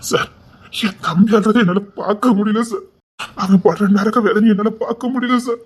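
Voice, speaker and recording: A man's voice: sits high, moderate pace, a little hiss or hum, close to an everyday voice. A man voicing a desperate elder brother, a former bodyguard, who begs over and over with emotion, in a Tirunelveli Tamil accent. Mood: pleading. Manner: begging, repetitive, emotional.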